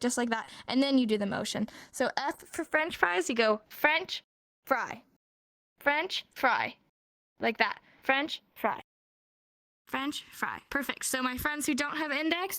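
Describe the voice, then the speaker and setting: Upbeat high-voiced woman teaching a class. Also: vocal fry, fairly bright tone, no room sound. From United States. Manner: upbeat, encouraging, laughs often. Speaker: sign language teacher. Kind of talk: casual live class in a virtual world.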